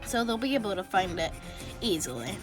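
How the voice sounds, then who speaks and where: A woman talks her way through a casual drawing tutorial, rambling and correcting herself as she colors. Her pitch jumps around in lively swings. Faint music plays softly behind her. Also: a little fast. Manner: self-correcting, thinks out loud. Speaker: drawing channel host.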